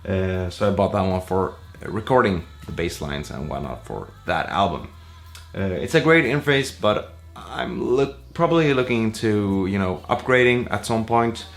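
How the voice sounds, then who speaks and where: A man, a musician, answering viewer questions in a relaxed, rambling way full of fillers. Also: lowish voice, normal speed, vocal fry. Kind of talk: casual Q&A vlog.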